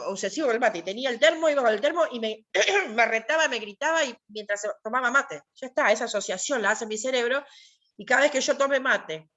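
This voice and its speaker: A woman's voice: fairly high pitch, fairly bright tone. A woman with an Argentine accent teaching an online class, explaining with emphatic repetitions and rhetorical questions. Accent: Argentine Spanish. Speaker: workshop teacher.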